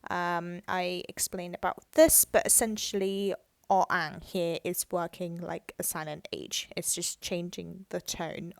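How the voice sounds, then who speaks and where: A woman's voice: on the low side, flat delivery, measured pace, vocal fry, clean tone, dry recording. A woman teaching a language lesson, patiently explaining step by step and repeating words for practice. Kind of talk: slow, careful lesson narration.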